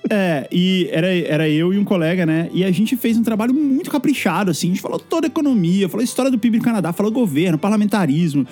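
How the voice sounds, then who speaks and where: A man's voice: high voice, quick pace, hardly any pauses, faint music behind. Chatty Brazilian man telling stories. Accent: Brazilian Portuguese. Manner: animated storyteller, many fillers. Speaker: guest musician. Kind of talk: casual chat.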